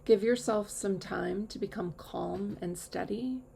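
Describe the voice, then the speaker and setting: Slow, very creaky-voiced woman guiding meditation. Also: medium pitch, a little hiss or hum. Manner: calm, measured instruction with long pauses. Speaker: yoga nidra teacher. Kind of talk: guided meditation.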